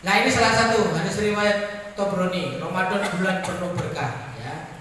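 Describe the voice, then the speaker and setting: A preacher with a Javanese accent gives a lively sermon, joking and asking the audience for shows of hands. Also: medium pitch, normal speed, slight background noise. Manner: animated, jokes and asks the crowd for shows of hands. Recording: echoey hall, voice from far off.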